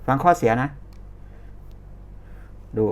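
A man's voice: slow pace, slight background noise. A Thai-accented man talking casually as he demos and reviews a toy, pointing things out as he goes. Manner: chatty, hands-on, pointing things out.

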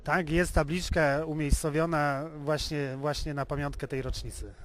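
Here a slightly high, flat male voice speaks at an ordinary pace over a faint hiss or hum. He's a Polish classic car owner and hobby restorer in a casual interview, long-winded and forever putting things another way.

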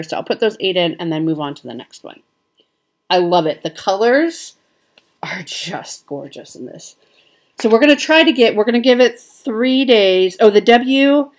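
A woman's voice: fairly low pitch, darkish tone. Chatty Midwestern woman crafter. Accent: Midwestern American. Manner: chatty, with frequent ums. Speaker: cross-stitch vlogger. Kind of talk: casual show-and-tell chat.

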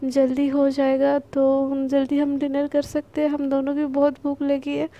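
A woman's voice: high voice, completely flat delivery, moderate pace, mellow, highs cut off. A woman voicing a jealous, stern young woman who speaks curtly in an audio love story. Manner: curt, annoyed.

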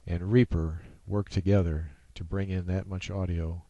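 Speaking in a very low, mellow, level tone, a man guides an informal screencast tutorial with halting, practical explanations. The sound is close and dry with little room, and the high frequencies are cut off.

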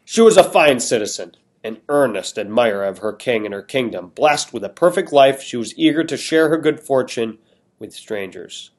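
A man's voice: mid-range voice, expressive, normal speed, close to an everyday voice. A man doing a pompous cruel tyrant king. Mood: proclaiming. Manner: pompous, menacing, proclaiming.

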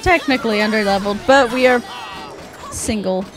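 A woman's voice: fairly high pitch, normal speed. A young woman giving casual, sarcastic playthrough commentary on a video game in a playful way. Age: young adult. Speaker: gaming streamer. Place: small room indoors with shelves. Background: game music.

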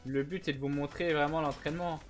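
A young man hosting a gaming channel, giving a casual gameplay tutorial in a slangy, chatty way with bursts of excited shouting. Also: a little high, fast, faint music behind.

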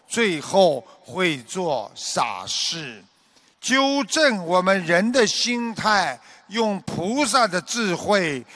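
High-voiced man preaching slowly. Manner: measured preaching, animated when telling a joke. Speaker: Buddhist teacher. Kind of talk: dharma talk sermon.

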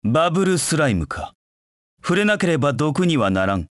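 This man's voice sits on the high side, swinging widely in pitch at a moderate pace, recorded clean in a studio with no echo. He's an actor voicing a proud, cold anthropomorphic hedgehog knight, a brooding young male rival in a Japanese video game, delivering lines curtly and disdainfully in a cool, watchful mood.

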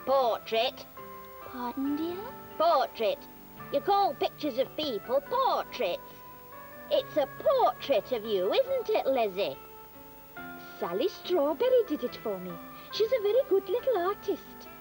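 A woman voicing a kind, homely female leek in a children's puppet cartoon, gentle and patient. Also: high voice, sing-song, unhurried, soft background music.

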